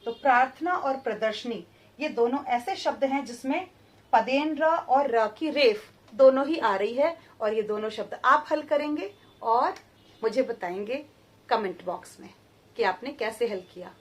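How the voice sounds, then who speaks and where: With a high, clear, expressive voice, a woman who teaches Hindi walks children through grammar. Each word gets repeated, and she breaks it into syllables one at a time, speaking slowly and with care.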